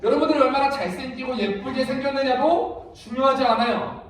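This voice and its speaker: A man's voice: extremely high pitch, fairly quick. A man, a youth ministry pastor, giving an interactive sermon to children at a church retreat, quizzing the kids and calling them by name. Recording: echoey hall, far from the mic, children's crowd.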